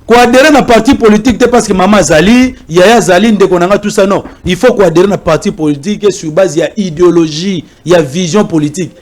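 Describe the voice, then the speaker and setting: High-pitched man, fast heated political guest, keeps repeating himself. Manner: animated, rapid, repeats himself. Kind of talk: heated political debate in French and Lingala.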